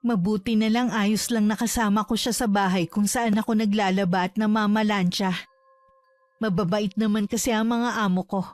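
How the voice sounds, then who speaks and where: A woman narrating a horror story in a steady, measured way. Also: mid-range voice, soft background music.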